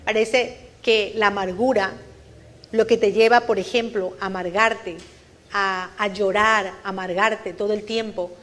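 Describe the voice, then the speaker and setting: A woman's voice: medium pitch, fairly even intonation, unhurried, a bit bright. A woman preaching a sermon at a church service, earnestly questioning her listeners and repeating phrases for emphasis. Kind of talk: Spanish-language sermon.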